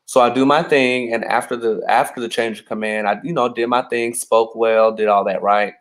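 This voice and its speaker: Animated male podcast co-host. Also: normal speed. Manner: animated, acts out quotes with big pitch jumps. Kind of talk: casual storytelling chat.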